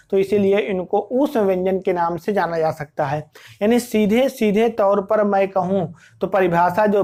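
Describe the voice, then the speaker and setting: Male teacher for an online exam-prep lecture. Poses rhetorical questions and answers them himself, and sounds out examples slowly and with care. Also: high-pitched, a little mellow. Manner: asks and answers his own questions; repeats words slowly to show how they sound.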